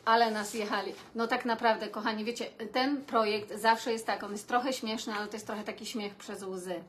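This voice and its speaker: A woman's voice: mid-range voice, steady tone, a little fast, a little hiss or hum. A woman hosting a casual live stream, chatting with viewers and reacting to the comments they send in. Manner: chatty, addresses viewers warmly as "kochani", reacts with laughter and sighs.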